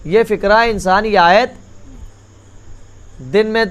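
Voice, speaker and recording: A man's voice: fairly even intonation, clear, resonant tone. A man delivering a Muharram majlis sermon. He repeats his key lines and keeps calling the audience back to attention. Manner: rises in pitch and force as the sermon builds. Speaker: maulana giving a majlis address.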